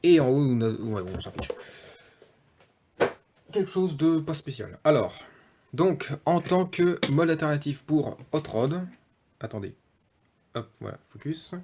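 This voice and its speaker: A man's voice: fairly high pitch, expressive, a little slow, pauses often, background noise. A man giving a casual off-camera toy review, hesitant, with many fillers and self-corrections.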